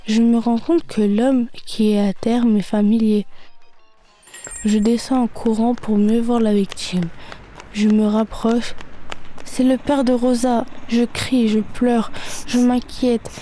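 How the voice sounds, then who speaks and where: A woman's voice: a little high, level tone, takes it slowly, warm tone, a little hiss or hum. A woman giving an anxious first-person dramatic reading.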